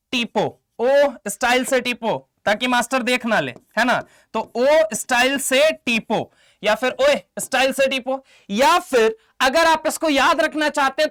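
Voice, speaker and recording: A chemistry teacher from India giving an online exam-prep lecture. He keeps quizzing his students, calls them 'beta' and 'mere laal', and chants memory tricks slowly. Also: extremely high pitch, bright, forceful tone, smooth.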